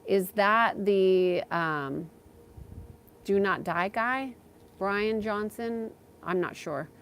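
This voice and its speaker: Speaking at a medium pitch with a slightly bright quality, a woman guides a livestream as a spiritual adviser. Her talk is casual and halting as she reasons out loud through viewers' questions.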